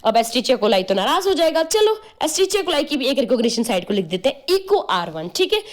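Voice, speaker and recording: A woman's voice: sits high, big pitch swings, brisk. A woman teaching a biology class. She explains step by step, spells terms out letter by letter and keeps checking whether the students have followed. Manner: explains step by step, often asks "clear?" and "okay?"; spells out terms letter by letter, uses playful memory tricks. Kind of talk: online class lecture.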